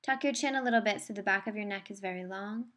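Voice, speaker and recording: Female yoga instructor, mid-pitched voice, soothing and encouraging delivery for guided movement and breathing. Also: fast talker, fairly bright tone. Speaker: yoga teacher.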